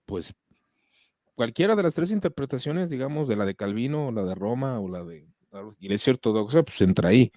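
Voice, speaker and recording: A man's voice: medium pitch, animated, a little fast, dark tone, dry recording, studio quality. A man hosting a casual conversation on theology, hesitant and full of fillers and restarts. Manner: hesitant, many fillers and restarts, laughs while reading comments. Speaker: host.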